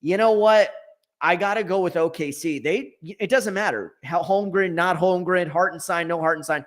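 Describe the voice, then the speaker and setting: A man's voice: high-pitched, moderate pace. A man co-hosting a casual sports talk show, thinking aloud and correcting himself as he goes. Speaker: co-host.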